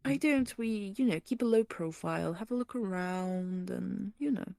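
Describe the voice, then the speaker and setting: A woman's voice: mid-range voice, creaky, dry recording. A woman player chatting casually and joking at a tabletop game. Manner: slow, joking, animated.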